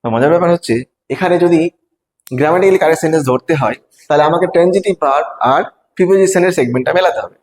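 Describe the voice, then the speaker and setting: A male teacher, explaining grammar step by step in an exam-prep lesson and reading example sentences slowly. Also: on the high side, darkish tone, big-room sound, a little hiss or hum, poor audio. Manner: explains step by step, asks rhetorical checks.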